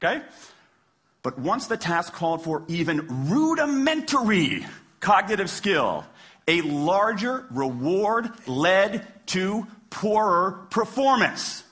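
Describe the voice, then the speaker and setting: An American man delivers a persuasive talk with the fervor of a lawyer's passionate closing argument to a jury. His voice is fairly high and forceful, swinging widely in pitch. He leans on rhetorical questions and short, punchy phrases. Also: very animated, slow. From Washington, D.C., United States. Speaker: public speaker, former lawyer. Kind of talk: persuasive stage talk to an audience.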